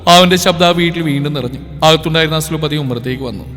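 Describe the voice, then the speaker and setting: A man narrating an audio novel in a steady, measured way. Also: fairly high pitch. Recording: reverberant with faint music.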